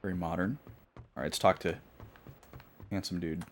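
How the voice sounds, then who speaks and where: A man's voice: low voice, fairly even intonation, normal speed, slight background noise. A man streaming a video game, thinking aloud and joking as he takes notes. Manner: thinking aloud, jokey, note-taking. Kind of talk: casual gameplay commentary.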